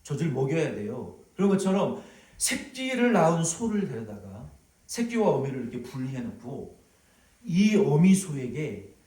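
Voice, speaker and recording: A male pastor preaching a sermon, animated and storytelling, at times acting out sounds, in a church sanctuary. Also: a little high, moderate pace. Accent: Korean, Jeolla dialect touches. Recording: echoey hall, from far off.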